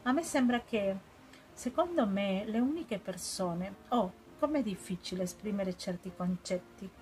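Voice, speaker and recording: A woman reading the part of an elderly English spinster detective, gentle and hesitant, searching for her words. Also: mid-range voice, unhurried, natural voice, rough recording. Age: older. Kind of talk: audiobook character reading.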